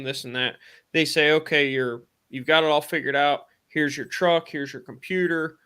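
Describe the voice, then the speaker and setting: A man hosting a live stream, casually telling a story from his work as a heating and air technician and acting out the dialogue with lively energy. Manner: animated retelling, acts out quoted dialogue in a higher, excited voice. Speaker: podcast host.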